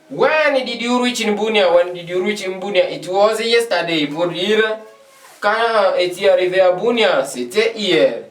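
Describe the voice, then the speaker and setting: Male teacher, high-ish voice, far from the mic in a roomy space, patient and repetitive. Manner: patient, repeats phrases many times, checks understanding. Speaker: English teacher. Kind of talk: classroom lesson explaining English in French. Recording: echoey room, voice from a distance.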